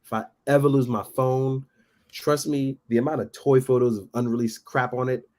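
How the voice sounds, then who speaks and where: A man talking casually as a podcast guest, rambling and animated, laughing often. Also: mid-range voice, moderate pace. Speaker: guest toy photographer.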